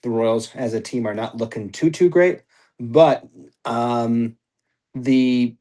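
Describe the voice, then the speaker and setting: A man's voice: medium pitch, slow pace, warm tone. A young man co-hosting a baseball podcast, talking casually with lots of fillers and playfully ribbing his co-host. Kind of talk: casual sports podcast chat.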